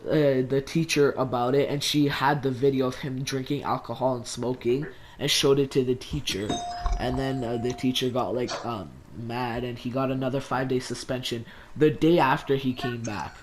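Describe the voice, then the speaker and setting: A man's voice: mid-range voice, fairly even intonation, normal speed, a little hiss or hum. A teenage boy casually telling a story to camera, rambling with lots of "like" fillers. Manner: rambling, heavy use of "like". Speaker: vlogger.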